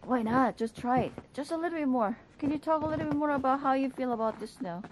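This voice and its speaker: A woman with a Korean accent, chatting excitedly through a vlog in a snowy backyard and asking lots of questions. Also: high-pitched, fast, noisy background. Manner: excitable, exclamatory, asks many questions. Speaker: vlogger and English teacher. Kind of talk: casual vlog chat.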